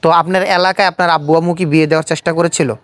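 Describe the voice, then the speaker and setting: A Bangladeshi-accented host conducts a casual, on-camera street-style interview, probing by repeating answers back as questions. He speaks very fast in a medium-pitched, steady voice, with no room sound.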